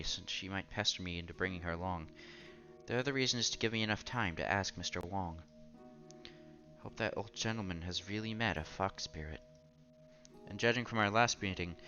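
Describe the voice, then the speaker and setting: Reading a visual novel aloud let's-play style, a man with a low, sharp voice sometimes stumbles and repeats words. Game music plays underneath, and the recording sounds dull.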